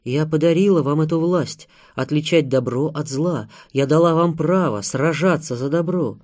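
A man's voice: fairly high pitch, normal speed, close to an everyday voice. A man voicing a fanatical preaching woman. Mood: fervent preaching. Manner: intense, preaching, rising to loud declarations. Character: fanatical woman claiming to embody good and evil.

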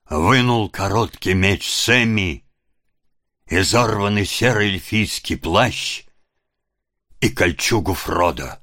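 A man narrating a fantasy audiobook in a measured, dramatic way. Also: deep voice, sharp tone, no echo, clean studio sound.

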